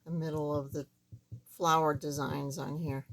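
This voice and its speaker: A woman with a thin, squeaky, reedy voice that is not quite back to normal, giving a casual, step-by-step craft tutorial in a halting way. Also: level tone, poor audio. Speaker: card-making tutorial host.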